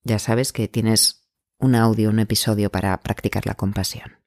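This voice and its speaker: A man working as an anxiety coach, giving calm self-help advice in a gentle, measured, encouraging way. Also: lowish voice, dry recording, clean studio sound.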